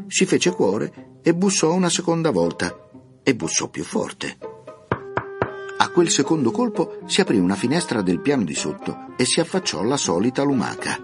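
A man narrating a classic children's tale with expressive, lively storytelling intonation. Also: mid-range voice, moderate pace, music in the background.

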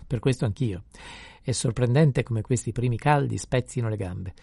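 Male narrator playing a fussy, oblivious country priest, talkative and quick to scold, gravelly and dark, audiobook. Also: mid-range voice, no room sound. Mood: chatty. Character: bustling, oblivious middle-aged male village priest. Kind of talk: audiobook reading.

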